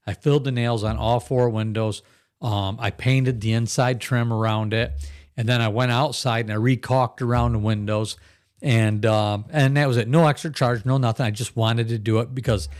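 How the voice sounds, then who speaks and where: A man's voice: mid-range voice, dry recording, studio quality. Chatty man hosting a live stream. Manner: rambling, chatty, laughs often, reads viewer comments aloud. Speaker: live podcast host. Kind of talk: casual live-stream chat.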